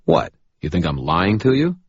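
A man's voice: low-pitched, very animated, normal speed, slightly rough, no echo, highs cut off, pitched above the performer's own voice, heavily acted. A man voicing the first-person hero in dialogue, tense and pleading. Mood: urgent. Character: urgent young man pleading for help.

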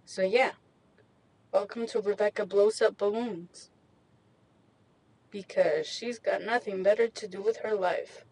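A young woman chats to her audience from the driver's seat of a small parked car, speaking close into a microphone. She rambles in a slangy, self-mocking way and takes her time, drawing her words out at an unhurried pace. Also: medium pitch, fairly even intonation, darkish tone, husky, no room sound, poor audio. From Mexican heritage. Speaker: vlogger. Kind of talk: casual chat. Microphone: handheld USB microphone.

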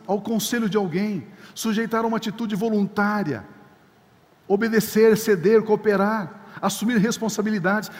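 A man's voice: sits high, big-room sound. An older man preaching a sermon as pastor, emphatic and repeating key words for stress. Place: church sanctuary.

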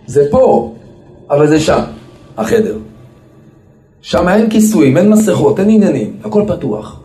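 A man, a rabbi, telling stories of a holy sage in a dramatic, animated sermon. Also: on the high side, recorded from a distance. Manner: animated, dramatic storytelling, rising to shouts for emphasis. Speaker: rabbi and preacher. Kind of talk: storytelling sermon at a gathering. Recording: echoey hall with faint music.

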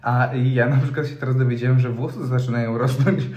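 A young man of ordinary pitch chats loosely and swears freely. He laughs often and reads forum posts aloud. The room around him echoes. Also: steady tone, a little fast, a little mellow, highs cut off. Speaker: podcast co-host. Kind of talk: casual chat.

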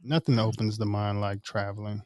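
Man hosting a casual chat, calm. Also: on the low side, normal speed, no echo, studio quality.

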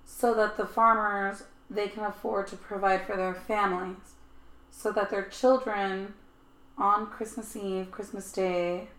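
A woman co-hosting a podcast tells stories in a chatty, casual way, saying "like" often. Her voice is medium-pitched and a bit bright, heard on a roomy, low-quality recording.

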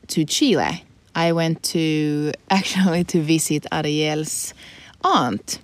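A woman's voice: on the low side, dry recording. A Finnish woman in her twenties, a native Swedish speaker, co-hosting a podcast in casual, chatty talk with frequent laughs and fillers. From Finland. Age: 20s. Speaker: podcast co-host. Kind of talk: casual chat.

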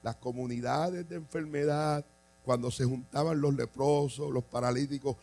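A man preaching a sermon as a bishop, passionate, moving from hushed storytelling to shouted declarations. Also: mid-range voice, steady tone, normal speed, gravelly, a little hiss or hum, low-quality recording. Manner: impassioned, swings from quiet to shouting. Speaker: bishop and pastor.

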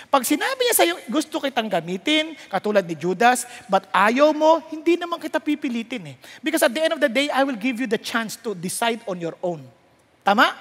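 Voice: high-pitched, fairly bright tone, long reverb tail. A preacher giving a sermon, switching between Tagalog and English and asking the congregation rhetorical questions. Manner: mixes Tagalog and English, reads scripture aloud.

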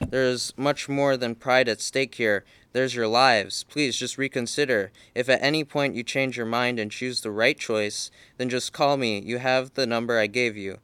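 A man's voice: medium pitch, fairly even intonation, moderate pace, hardly any pauses, a bit bright, clean tone, close to an everyday voice. A man reading aloud, voicing a desperate male neighbor who pleads with the family to leave. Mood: pleading. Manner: urgent, pleading.

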